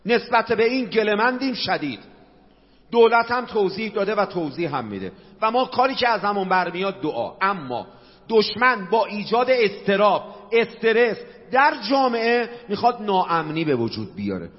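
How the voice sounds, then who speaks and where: A middle-aged preacher with a Qom Persian accent delivers a fervent sermon in a high, swooping voice that rises and falls widely. He asks rhetorical questions and quotes Arabic scripture. The sound is dull and lo-fi, with long reverb trailing his words. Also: very animated. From Qom, Iran.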